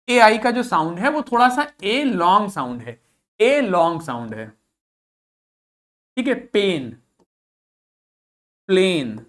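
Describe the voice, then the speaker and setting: A woman teaching English pronunciation in an online class, speaking patiently and often repeating key points. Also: medium pitch.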